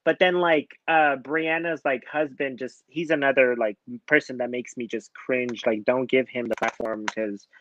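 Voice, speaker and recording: A man's voice: medium pitch, steady tone, normal speed, few pauses, fairly bright tone, muffled recording, slight background noise. A man co-hosting a casual reality-TV review, rambling with many restarts and fillers. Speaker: podcast co-host.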